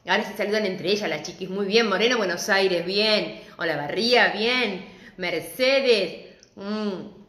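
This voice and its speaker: A middle-aged woman with an Argentine accent, teaching a live-stream craft class and greeting viewers warmly and chattily. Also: mid-range voice, measured pace. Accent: Argentine Spanish. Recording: echoey room.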